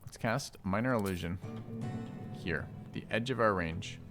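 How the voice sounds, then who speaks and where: A man's voice: on the low side, a little slow, music in the background. A man streaming a strategy game, thinking aloud in casual commentary, puzzled and now and then swearing at the game's rules.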